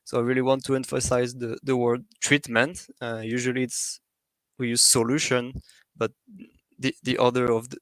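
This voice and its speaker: A man presenting an academic topic, pausing often with fillers and restarting his sentences. His voice sits at an ordinary middle pitch. The recording is dry and close, with little room sound. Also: a bit bright, no room sound. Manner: halting, with many fillers and restarts.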